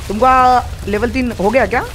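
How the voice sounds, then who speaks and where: High-voiced young man calling game plays. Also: steady tone, a bit bright, faint music behind. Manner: quick, directing teammate, repeats calls. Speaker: gamer streamer. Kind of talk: casual gaming chat with a teammate. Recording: faint background noise.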